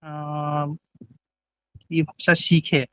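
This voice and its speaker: A man's voice: on the high side, completely flat delivery, smooth, dry recording, highs cut off. A man who is a student answering questions hesitantly in an online class, over call audio. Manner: hesitant, slow answers with fillers.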